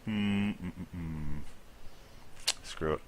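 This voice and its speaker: An Irishman narrates his gameplay casually to himself, rambling and chuckling at mistakes he makes as a gaming video creator. His low-pitched voice is a little mellow and slow, with slight background noise.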